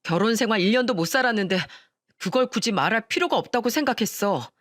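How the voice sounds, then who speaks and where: A woman's voice: fairly high pitch, animated, quick pace, a bit bright, no echo, studio quality. A woman voicing a pathetic, lying young man who whines and pleads with his fiancée. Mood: defensive. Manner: whiny, pleading.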